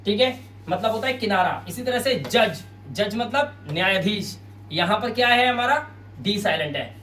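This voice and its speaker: A man's voice: sits high, a bit bright, far from the mic. A man teaching an English lesson in Hindi at a board, patiently repeating each word and quizzing his listeners. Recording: roomy sound, mic set back, faint hum.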